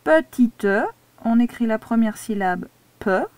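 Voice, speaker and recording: A woman teacher dictates to a young pupil, breaking each word into syllables and spelling the tricky letters. She speaks very slowly and calmly in a slightly high voice. The recording is dry and close. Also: dry recording. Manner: patient, spells out words syllable by syllable. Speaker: primary school teacher. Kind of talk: slow dictation lesson for a child.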